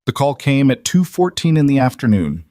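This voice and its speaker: A man narrating a scripted dramatic story in an even, steady storytelling manner. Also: medium pitch, normal speed, no room sound, studio quality.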